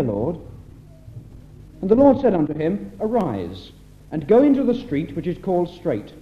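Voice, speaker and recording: A man solemnly reading scripture aloud at a church meeting, heard on an old 1960s tape recording. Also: on the high side. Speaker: scripture reader at a church address. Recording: muffled old tape with faint hiss.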